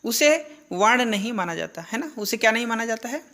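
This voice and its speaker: A woman's voice: fairly high pitch, lively intonation, a little fast, fairly bright tone. A woman teaching a grammar lesson, who asks questions and answers them herself and repeats the key terms. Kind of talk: classroom-style lesson.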